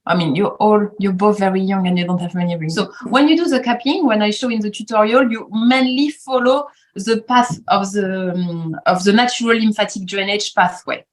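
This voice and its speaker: A woman's voice: mid-range voice, brisk, hardly any pauses. A middle-aged woman from France with a French accent, chatting as an interview guest, with lots of fillers and easy laughter. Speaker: guest, facial cupping practitioner. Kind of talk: casual interview chat.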